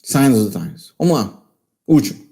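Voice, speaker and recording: A channel host with a Brazilian Portuguese accent delivers critical commentary, reading quotations aloud and restating his points with scornful, repetitive emphasis. His medium-pitched voice is very animated at normal speed, mellow with vocal fry and a breathy edge.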